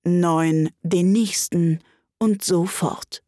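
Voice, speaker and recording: A woman voicing a melancholy mock turtle in a storybook reading, speaking slowly with sighs. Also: lowish voice, steady tone, dark tone, dry recording, clean studio sound. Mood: mournful. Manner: slow, sighing and plaintive. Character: melancholy sighing mock turtle, slow and mournful.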